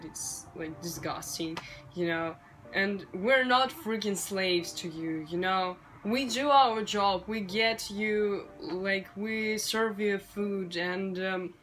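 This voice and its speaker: Slow-talking frustrated young woman venting. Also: mid-range voice, a bit bright, low-quality recording. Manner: frustrated, blunt, swears freely, slow with many fillers. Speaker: vlogger, waitress. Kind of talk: casual ranting vlog.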